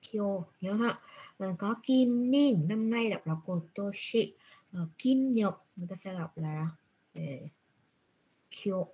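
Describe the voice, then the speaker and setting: A woman's voice: mid-range voice, takes it slowly, warm tone, husky. A woman teaching Japanese in an online class, patiently asking questions and answering them herself. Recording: screen recording from a browser.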